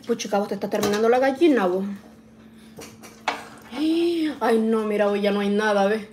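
With lively intonation and a darkish, medium-pitched voice at normal speed, a middle-aged vlogger talks casually with viewers as she cooks at home. She calls them "niñas" and often ends lines with "¿verdad?" A little background noise can be heard.

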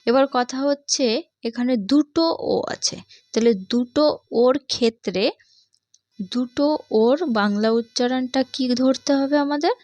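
A woman's voice: sits high, unhurried, a little mellow, no room sound. A woman with a Bangladeshi accent teaching an English reading lesson to young children, patiently repeating each point and asking the class questions.

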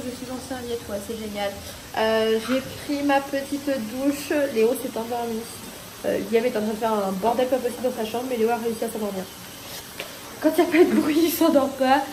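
A young woman and mother with a cold, chatting casually and rambling through her day at home for a vlog, often dropping to a soft, low voice. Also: slight background noise. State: sniffling with a cold. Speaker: vlogger, mother of two young boys.

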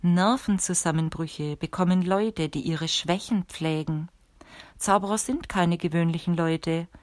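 A woman reading the lines of a calm, stern old male sorcerer teacher in a measured, instructive way for an audiobook. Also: fairly low pitch, no room sound, natural voice.

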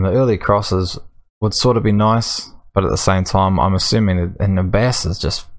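Low-voiced New man, dry gamer. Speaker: gaming video host. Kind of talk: casual game commentary while playing. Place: small room at home, indoors.

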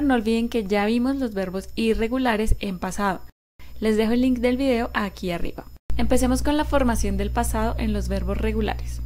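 A woman's voice: on the high side, a little mellow. A woman teaching grammar in a cheerful, careful way. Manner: cheerful, slow and careful, repeating words for practice. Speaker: English teacher. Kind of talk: explaining grammar to a camera.

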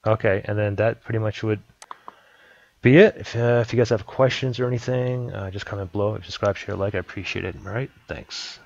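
A man casually explaining a video editing program step by step, in a relaxed way. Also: on the low side, a little fast, gravelly, highs cut off. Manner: relaxed step-by-step explaining, repeats "let me go ahead". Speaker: software tutorial host. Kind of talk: casual screen-recording tutorial.

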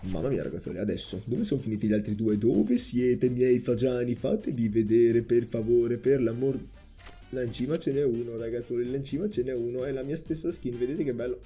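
A young man commentating his own gameplay as a channel host, excitable and jokey, jumping between loud outbursts and low muttering. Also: fairly quick, soft background music. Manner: jokey, sings and mocks opponents. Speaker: gaming YouTuber.

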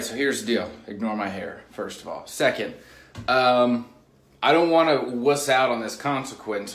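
A man's voice: mid-range voice, fairly bright tone. A man in his thirties chatting casually to camera as a vlogger. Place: small tiled home bathroom. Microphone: phone at arm's length or propped nearby. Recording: roomy bathroom echo, distant mic, background noise.

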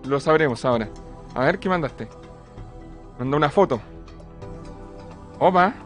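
A man's voice: fairly high pitch, expressive, a little slow, soft background music. A young Chilean man streaming live, chatting with his viewers, swearing freely and joking as he reads out donations. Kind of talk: casual live-stream chat.

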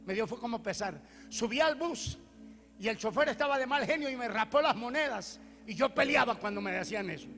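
A male preacher delivers his testimony in a strikingly high voice. He tells the story with animation, swinging from loud declarations down to hushed, prayerful lines. Faint music plays behind him. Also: expressive, a little fast, in a large hall. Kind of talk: testimony sermon.

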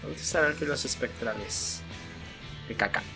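A woman with a Mexican accent playing a video game alongside a child, coaxing, cheering and yelling at enemies. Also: very deep voice, normal speed, vocal fry. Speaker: gaming channel host. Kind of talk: casual gameplay chat with a child. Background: game music.

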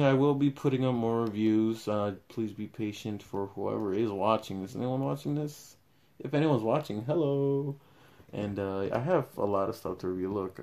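A man's voice: on the low side, darkish tone. A young man giving a casual unboxing review of collectible cards, thinking aloud, his voice fading in and out as he moves around the camera. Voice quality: level drops in and out as he moves. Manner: rambling, thinks aloud while opening packs. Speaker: card collector reviewing a product. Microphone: camera mic, filming at an awkward angle.

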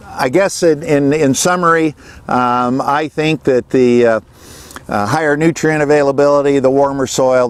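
A farmer from Western Illinois, kneeling outdoors in an open field, explains his field trial in a plain, halting way with many fillers and repeats. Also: medium pitch. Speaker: farmer presenting on-farm research. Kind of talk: informal field demonstration to camera. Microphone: camera at a few meters, kneeling speaker.

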